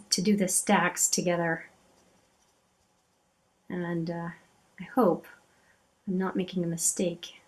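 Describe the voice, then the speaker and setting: A woman with a somewhat low voice hosts a beauty channel, chatting casually while swatching eyeshadows. She's talkative and admiring, often drifting into quiet asides.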